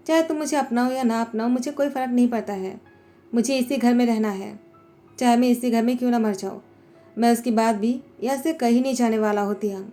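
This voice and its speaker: A woman's voice: a little high, dark tone, natural voice. A woman voicing a hurt but stubbornly loyal young husband, speaking in an insistent, pleading way.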